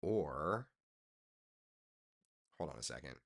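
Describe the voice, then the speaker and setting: Male TV meteorologist, tired, loose and chatty on a live stream; deep voice with a lively swing. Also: takes it slowly, gravelly. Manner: loose, chatty, talks to himself while working. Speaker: TV meteorologist hosting a live chat. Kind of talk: casual live-stream chat.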